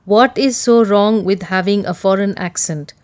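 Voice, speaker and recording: A woman's voice: mid-range voice, normal speed, a little mellow, no echo. A woman from India with an Indian accent, reading a prepared text aloud. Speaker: accent sample speaker. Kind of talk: reading a passage and word list aloud.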